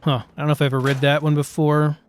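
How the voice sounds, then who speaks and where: A man's voice: a little high, level tone, quick pace, a little hiss or hum. A man giving casual, rambling commentary over a video game, thinking aloud and correcting himself, with game music faintly behind him. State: hiccuping. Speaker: gameplay commentator.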